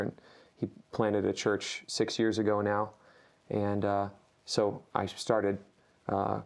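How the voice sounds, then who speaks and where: Low gravelly guy from ohio, pretty flat delivery, lots of ums as he chats. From rural Ohio, USA. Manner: relaxed, halting, many fillers. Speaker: guest musician. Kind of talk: casual interview talk.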